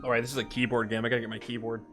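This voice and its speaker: A man's voice: medium pitch, little pitch movement, racing, a bit bright. A man streaming a game, chatting casually and rambling about what he has played. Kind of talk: casual gaming stream chat. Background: faint game music.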